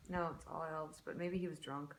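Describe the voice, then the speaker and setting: Low-voiced woman playing a tabletop game. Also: fairly even intonation, fairly quick. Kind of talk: casual game chat. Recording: faint background noise.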